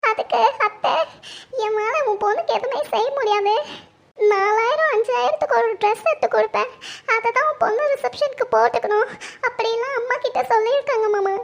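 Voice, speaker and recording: A woman acting as a hurt young wife in a family drama, her voice pitched extremely high and pleading through tears. The recording sounds dull and lo-fi, with its highs muffled. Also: fairly quick, creaky. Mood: tearful. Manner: tearful, pleading.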